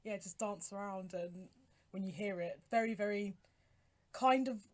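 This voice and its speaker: A British woman co-hosting a podcast, chatting casually with lots of fillers and agreeing, her voice often trailing off softly. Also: medium pitch, a little slow. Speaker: podcast co-host. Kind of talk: casual chat reviewing songs.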